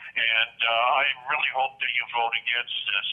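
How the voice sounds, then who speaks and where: A man making a public comment over a tinny speakerphone-like phone line. He argues his case earnestly and point by point, with frequent "uh" fillers, and his voice sits at an ordinary pitch. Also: little pitch movement, normal speed. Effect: call-in voice over a phone line that sounds like speakerphone. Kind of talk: public comment at a county meeting.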